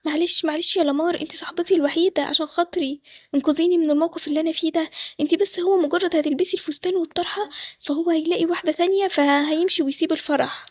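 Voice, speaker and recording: Runaway young bride, voiced by a woman, Egyptian, high and rushed. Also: fairly even intonation, no room sound. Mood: pleading. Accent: Egyptian Arabic. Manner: fast and pleading.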